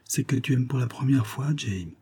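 A man's voice: medium pitch, normal speed, warm tone, husky, pitched above the performer's own voice. A man playing an ardent young lieutenant in love in a storybook reading, speaking fervently and pleadingly.

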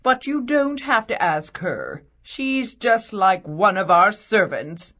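A woman's voice: medium pitch, big pitch swings, slow, fairly bright tone, pitched below the performer's own voice, heavily acted. A woman doing a haughty, dismissive stepmother.

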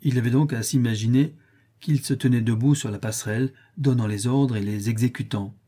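A man narrating a classic novel as an audiobook with a steady storytelling delivery. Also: mid-range voice, brisk, husky.

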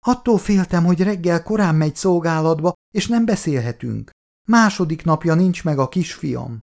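A man's voice: fairly high pitch, very animated, dark tone. A man voicing a distraught middle-aged mother who pleads in a breaking, tearful voice. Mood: pleading, tearful.

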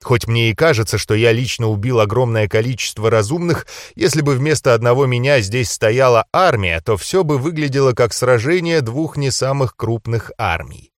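A man narrating a first-person fantasy audiobook in a calm, measured way. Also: mid-range voice, no echo, clean studio sound.

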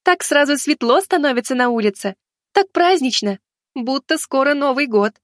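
A man's voice: extremely high pitch, animated, normal speed, a bit bright, no room sound, studio quality, voice pushed up. A man reading an audiobook, voicing a carefree young woman with an airy, ringing voice. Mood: dreamy.

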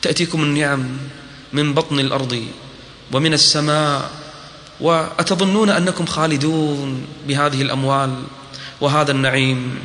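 Preacher chanting verses in a ringing hall. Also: male voice, on the high side, steady tone, fairly bright tone, slight background noise. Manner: chants scripture verses in a slow melodic recitation; speaks in rhetorical questions and repetition. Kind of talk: sermon retelling a prophet's story. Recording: reverberant hall recording.

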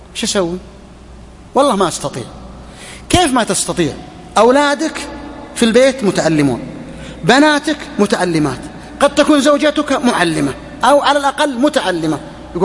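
A man's voice: high voice, in a large hall, slight background noise. A middle-aged man giving a religious lesson, exhorting with rhetorical questions and repeated phrases. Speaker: sheikh teaching hadith.

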